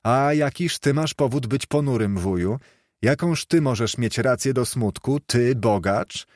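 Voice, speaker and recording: A man voicing a cheerful, warm-hearted young nephew who calls out eager, bright exclamations, in a dry-sounding recording. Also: medium pitch, unhurried, no room sound, close to an everyday voice. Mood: cheerful pleading.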